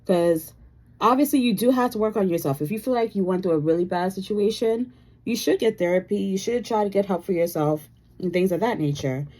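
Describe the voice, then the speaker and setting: Relaxed, mellow-voiced woman chatting. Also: mid-range voice, a little fast. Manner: relaxed, chatty, many "you know" fillers. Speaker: beauty vlogger. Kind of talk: casual chat during a makeup tutorial.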